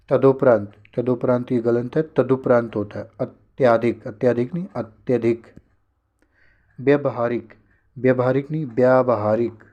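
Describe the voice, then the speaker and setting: A man teaching a spelling lesson for an exam, briskly repeating each word to correct it. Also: mid-range voice, dark tone, muffled recording.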